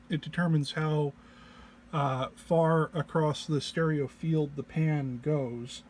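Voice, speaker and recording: Demonstrating an audio effects patch, a male presenter gives a casual technical run-through in a hesitant, stop-start way. He seems low on energy and a bit unwell. Background noise is clearly audible on the single mono mic recording.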